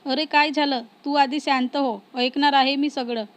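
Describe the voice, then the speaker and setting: A woman's voice: high-pitched, steady tone, normal speed, natural voice. A woman reading as a caring young woman. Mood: tearful. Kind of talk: storybook reading.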